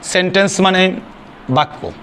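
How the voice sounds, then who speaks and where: A man's voice: high-pitched, a little slow, a bit bright, a little hiss or hum. A man teaching an English grammar lesson. He spells words out letter by letter, asks questions and answers them himself, and mixes English phrases into his explanations. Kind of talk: spoken classroom lesson.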